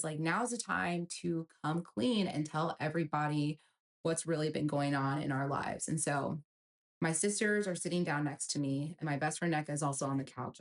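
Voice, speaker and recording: Woman earnestly recounting a painful breakup. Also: low-pitched. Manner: earnest, emotional retelling. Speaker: storyteller. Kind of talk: personal storytime.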